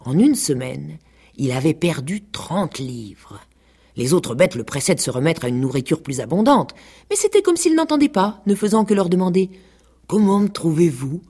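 A woman with a low, husky voice reads a children's story aloud. Her delivery is expressive and playful, with lively rises and falls in pitch. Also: normal speed. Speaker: actress reading aloud. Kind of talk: storybook reading. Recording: 1980s radio recording.

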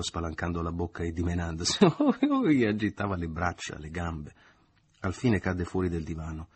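A man narrating a literary novel as an audiobook, in a measured, even reading. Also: deep voice, breathy edge.

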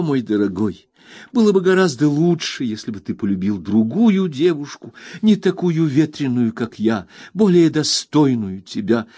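A man's voice: creaky, no echo, clean studio sound, heavily acted. A man voicing a tearful, remorseful young woman who pleads between sobs. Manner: sobbing, high-strung pleading.

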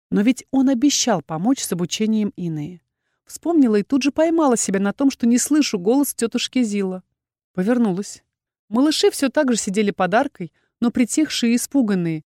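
A woman narrating a first-person fantasy audiobook in a lively, expressive way and giving the heroine a fiery, indignant edge. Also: on the high side, dry recording, clean studio sound.

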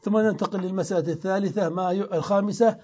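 A man's voice: sits high, fairly even intonation, fast, a little mellow, breathy edge. A man giving a classroom grammar lesson, explaining step by step and repeating example words aloud. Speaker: teacher of grammar. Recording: dull lo-fi lecture recording.

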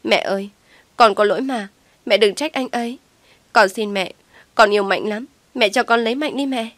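A woman's voice: fairly high pitch, moderate pace, fairly bright tone, no echo, pitched above the performer's own voice, lightly acted. A woman voicing a tearful young woman begging her mother through tears. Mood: pleading. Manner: pleading, crying.

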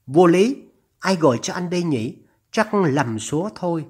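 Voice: medium pitch, animated, measured pace, a little mellow, slightly rough. A narrator voicing a startled young man who speaks hesitantly and uneasily. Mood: uneasy.

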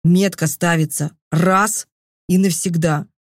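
A woman voicing an arrogant male dragon lord in an audiobook, speaking with slow, commanding contempt. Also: fairly low pitch, steady tone, no echo, studio quality. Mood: cold.

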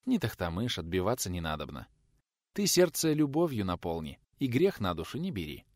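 A man voicing a calm wife who speaks softly and soothingly. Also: mid-range voice, a little fast, no room sound, clean studio sound, voice pushed up, lightly acted. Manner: soft, soothing, gentle.

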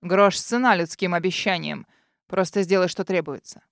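A woman's voice: lowish voice, normal speed, vocal fry, no room sound, studio quality, pitched below the performer's own voice. A woman doing a cold, haughty dragon lord. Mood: cold commanding. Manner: cold, commanding.

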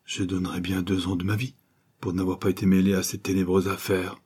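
A man's voice: low voice, little pitch movement, brisk, a little mellow, slightly rough. A man voicing a naive young private detective who is pompous and easily flustered. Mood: shaken. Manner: stammering, pompous then panicky.

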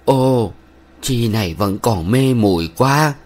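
A man's voice: mid-range voice, animated, takes it slowly, pitched above the performer's own voice. A man doing a stern preachy village matron. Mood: lecturing. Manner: moralizing, lecturing. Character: middle-aged village matron, stern, preachy, sweet-talking.

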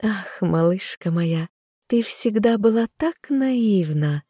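A woman's voice: mid-range voice, expressive, slow pace, mellow, breathy edge, no room sound, clean studio sound, voice pushed up. A woman reading an audiobook, voicing a smug, treacherous young noblewoman with a purring, giggling, haughty delivery. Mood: gloating.

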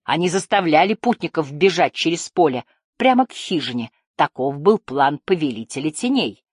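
Earnest teen boy hero voiced by a woman reader, storybook dialogue, low and dry. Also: very animated, normal speed, slightly rough, no echo, full character voice.

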